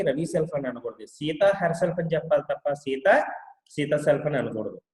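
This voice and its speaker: A man whose first language is Telugu teaches English grammar, his voice a little higher than most men's. He goes through each example patiently, repeating it and reading English sentences aloud slowly. The recording echoes and rings on in a bare room. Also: a little mellow. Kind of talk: spoken English lesson. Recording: echoey room with long reverb.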